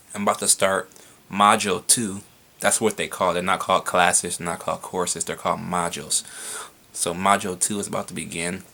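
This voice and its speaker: Low gravelly young man rambling casually. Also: sharp tone. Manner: rambling, frequent swearing, laughs. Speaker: vlogger answering viewer questions. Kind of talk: casual Q&A vlog.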